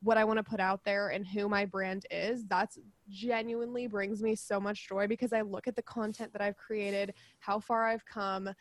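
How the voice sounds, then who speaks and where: A woman's voice: mid-range voice, level tone, moderate pace, dry recording. A young woman co-hosting a podcast, chatting casually and giggly, full of fillers and laughter. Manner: bubbly, giggly, lots of fillers. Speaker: podcast co-host.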